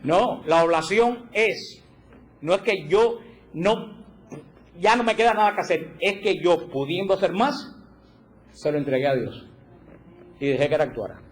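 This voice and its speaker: A man giving a religious teaching talk, animated, acting out little quoted voices and repeating points for emphasis. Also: high voice, unhurried, pauses often. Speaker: catechism teacher.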